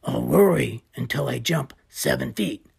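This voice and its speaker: Woman doing a fretful storybook hippo, slow and doubtful, husky and a bit gravelly. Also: very deep voice, expressive, a little mellow, heavily acted. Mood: worried. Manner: worried and doubtful. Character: anxious hungry young male hippo.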